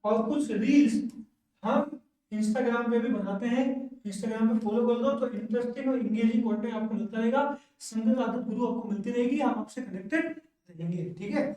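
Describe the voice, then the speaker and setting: A man's voice: very high voice, dark tone. Echoey distant male teacher drilling words. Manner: says each word twice, slow drilling. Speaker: English pronunciation teacher. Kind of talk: classroom pronunciation drill lesson. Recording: very echoey room, voice from far off.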